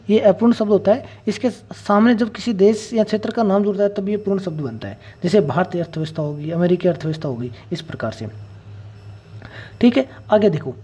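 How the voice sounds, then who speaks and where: A woman's voice: medium pitch, warm tone, slightly rough. A woman teacher giving an exam-prep classroom lecture, asking rhetorical questions, answering them herself and repeating the key phrases.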